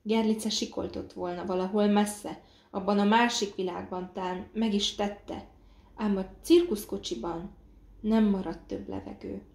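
A woman narrating an audiobook in a measured, dramatic reading. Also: mid-range voice, fairly even intonation, creaky, a little mellow. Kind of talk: scripted narration. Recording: roomy echo.

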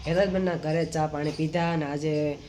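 A man's voice: a little high, steady tone, moderate pace, darkish tone, slight background noise. A man with a Kathiawadi Gujarati accent, chatting casually through a family vlog, filming on a handheld phone. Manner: chatty, teasing a small child. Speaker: vlogger.

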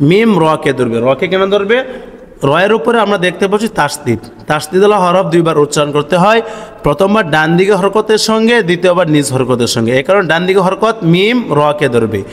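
A man teaching Quran reading step by step. He asks and answers his own questions and chants the sample words slowly. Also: high voice, animated, long reverb tail. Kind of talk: step-by-step recitation lesson.

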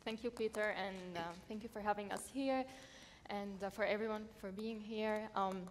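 A young woman from Syria speaking on a conference panel, telling her own story in an earnest, steady way with filler pauses, on a headset mic. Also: mid-range voice. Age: young adult. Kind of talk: personal testimony on a panel. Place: large conference hall stage. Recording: long hall reverb, faint noise.

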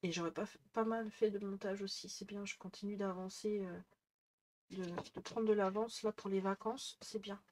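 In a casual vlog recorded at her bedroom desk with a headset mic, a woman in her thirties rambles at a moderate pace, using many fillers and restarts. Her voice is medium-pitched, a little mellow and fairly even in intonation.

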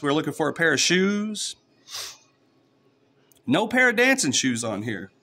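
A man's voice: mid-range voice, a bit bright. A man with an East Texas accent chatting casually to his followers while scratching lottery tickets. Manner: chatty, talks straight to followers. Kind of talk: casual play-by-play vlog.

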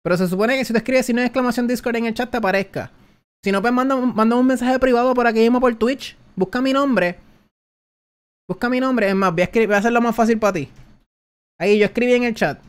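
A man streaming live, calling a game race for his chat in excitable, rapid play-by-play. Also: very high-pitched, clean tone.

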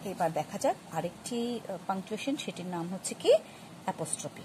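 A woman teaching a grammar lesson, explaining patiently to students with many pauses and restarts. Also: medium pitch, animated, background noise. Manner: patient, addresses students directly. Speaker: English teacher.

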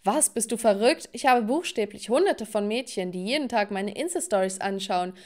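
A woman's voice: medium pitch, animated, normal speed, lightly acted. A woman playing a cocky, smug teenage boy. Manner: boastful, cocky.

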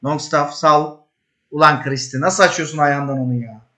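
A man playing a football management game, talking to his players as their coach, calming and scolding them and shouting when an attack builds. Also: normal speed. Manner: bursts into high shouts at attacks. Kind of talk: live commentary while gaming.

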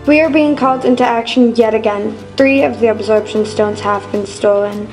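A woman's voice: on the high side, moderate pace, a little mellow, lightly acted, rough recording. A woman playing a commanding superhero team leader in a cartoon, speaking in an earnest, declarative way. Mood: resolute. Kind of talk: scripted animated superhero acting. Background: faint music.

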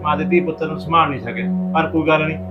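A man's voice: a little high, rapid-fire, muffled recording, loud music behind the voice, close to an everyday voice. An actor playing a middle-aged father-in-law who keeps apologizing and pleading to make peace, in a village family drama. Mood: apologetic. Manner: pleading, apologetic, repeats himself.

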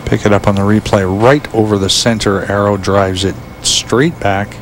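Male color analyst, low-pitched, brisk shot breakdowns, noisy TV feed. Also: steady tone. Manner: analytical, brisk technical calls. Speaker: color commentator. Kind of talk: sports commentary. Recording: TV broadcast with background noise.

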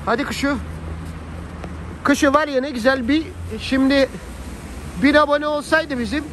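Unhurried and very high-pitched with fairly even intonation, a man from Turkey vlogs for his family channel. He chats colloquially with viewers as friends while outdoors on a snowy city street, holding his phone as he films, with faint street noise in the outdoor phone audio.

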